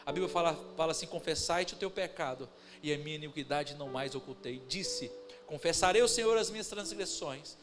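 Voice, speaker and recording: A man with a Brazilian Portuguese accent, a pastor preaching a sermon, moving between calm storytelling and loud emphatic bursts, addressing the listeners as brothers. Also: a little high. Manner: preaching with rising emphatic bursts and slow stressed words; addresses the congregation as brothers, tells family anecdotes. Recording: music playing under the voice. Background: instrumental music.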